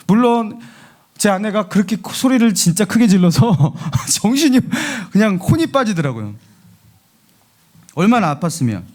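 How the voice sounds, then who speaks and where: A male pastor preaching a sermon, telling a story in an animated way and asking the congregation many rhetorical questions. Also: a little high.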